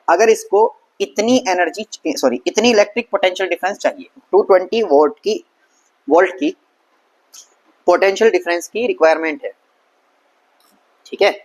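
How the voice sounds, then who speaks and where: A man with a slightly higher voice teaches a school science lesson in a casual, conversational tone. He keeps asking questions aloud and answering them himself, sprinkles in English terms and slows down when reading English text. He sounds like a friendly tutor working through a problem on a board. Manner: conversational, asks and answers his own questions; mixes English terms and reads English text slowly.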